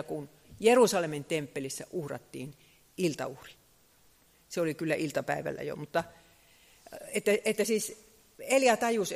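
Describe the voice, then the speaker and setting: A man preaching a sermon, telling the story in a lively way, his voice swelling loud and then dropping low. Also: big-room sound.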